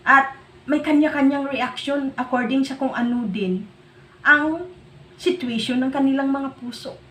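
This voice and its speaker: A woman's voice: high-pitched, fairly bright tone, echoey room, a little hiss or hum. A woman pastor giving an earnest sermon, mixing in English phrases.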